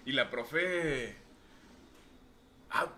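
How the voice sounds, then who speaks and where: Bright-voiced Monterrey guy, laughing a lot. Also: medium pitch, animated, drawn-out words, a little hiss or hum. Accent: northern Mexican (Monterrey). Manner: laughs often, rambling school memories. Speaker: podcast co-host. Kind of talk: casual chat.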